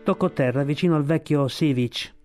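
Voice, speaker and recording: A man reading a storybook aloud, steady storytelling narration. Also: a little high, normal speed, faint music behind. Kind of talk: audiobook narration.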